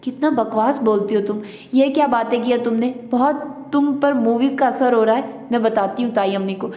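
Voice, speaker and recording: A woman's voice: on the high side, fairly even intonation, normal speed, dark tone, echoey room, big-room sound, lightly acted. A woman doing a timid, stammering young woman. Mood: earnest. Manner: stammering and anxious. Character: shy timid young woman, easily flustered.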